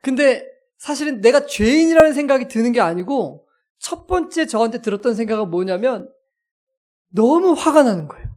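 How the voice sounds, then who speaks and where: A male pastor preaching a sermon as a lively story, acting out scenes and poking fun at himself. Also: very high-pitched, moderate pace. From South Korea. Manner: lively, self-mocking storyteller who acts out scenes.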